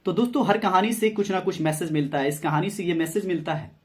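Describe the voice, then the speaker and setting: A man's voice: high-pitched, quick pace. A man narrating a true crime story in a casual, conversational way, repeating phrases and addressing the viewers as friends. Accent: Hindi.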